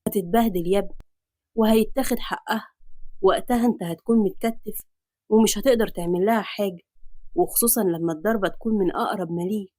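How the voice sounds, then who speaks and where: A woman's voice: medium pitch, quick pace, mellow, no room sound, natural voice. A woman with an Egyptian accent voicing a troubled aging father in a storybook reading, with a heavy, sorrowful delivery. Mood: grave. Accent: Egyptian Arabic.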